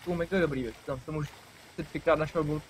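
A young man hosting a gaming video, chatting casually and excitedly with a friend, swearing and laughing often. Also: on the high side, a little hiss or hum, poor audio. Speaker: gaming channel host. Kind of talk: casual let's-play banter.

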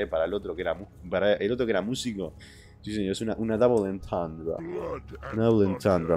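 A young man with an Argentine Spanish accent and a lowish voice, streaming and reading out viewer messages. His delivery is crude and jokey, full of trash talk. He jumps between loud outbursts and low mutters. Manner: crude, joking, trash-talking. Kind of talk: casual livestream chat reading viewer messages.

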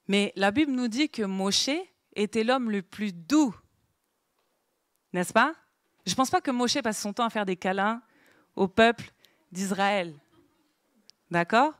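A woman's voice: medium pitch, no room sound, studio quality. A woman giving an interactive Bible lesson to a small group, asking them questions and writing on a board as she goes. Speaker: Bible teacher. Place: meeting room with a small group.

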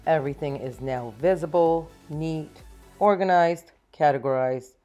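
Very low-voiced woman explaining her cleaning. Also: measured pace, dark tone, faint music behind. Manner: upbeat, explains each step plainly. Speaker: cleaning vlogger. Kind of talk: clean-with-me vlog narration. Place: small home, living room and pantry.

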